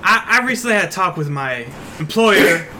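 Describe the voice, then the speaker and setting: A man's voice: sits high, animated, moderate pace, crowd noise. A man chatting casually as a player in a tabletop role-playing game.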